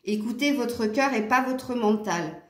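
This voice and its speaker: A chatty woman with a southern French accent reads tarot cards for her viewers, giggling often and talking to them directly. Her voice sits a little high. The room around her gives it a clear echo. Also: a little slow. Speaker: tarot card reader. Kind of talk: casual tarot reading for viewers.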